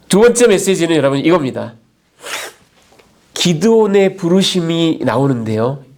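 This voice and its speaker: A man's voice: on the high side, darkish tone. A male pastor preaching a sermon in a conversational way, often checking in with his listeners through rhetorical asides.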